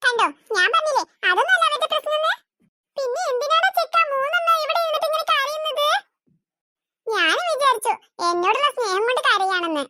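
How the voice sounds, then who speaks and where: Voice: very high voice, expressive, a little fast, noisy background. A voice actor playing a cheerful young bride in a cartoon who talks in a chatty, teasing way. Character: kind young bride, cheerful adult woman. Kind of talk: Malayalam cartoon voice acting.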